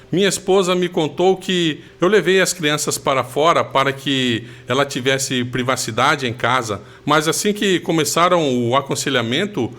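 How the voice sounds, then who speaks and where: Man, higher-pitched speaking voice, giving a steady earnest personal testimony.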